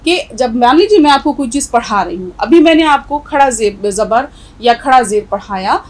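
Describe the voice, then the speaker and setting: A woman's voice: a little high, lively intonation, normal speed, rough recording. A middle-aged woman teaching a recorded language lesson, patiently repeating letter drills. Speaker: Urdu teacher.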